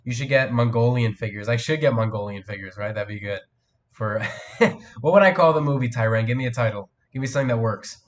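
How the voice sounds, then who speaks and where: A man's voice: mid-range voice, fast talker. Teen male streamer, sick with a cold, loose rambling chat host. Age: teens. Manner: rambling, answers chat, many fillers and restarts. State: has a cold, voice cracks. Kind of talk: casual live stream chat.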